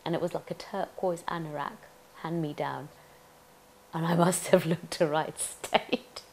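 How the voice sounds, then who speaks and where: A woman's voice: sits low, fairly even intonation, unhurried, vocal fry, a little mellow, slight background noise. A middle-aged woman from Tanzania, an actress, reminiscing in an oral history interview, chatty and reflective with frequent laughs.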